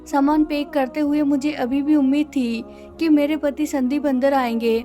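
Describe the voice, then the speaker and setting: Woman storyteller, high pitch, steady measured narration over faint music. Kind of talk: scripted first-person story narration.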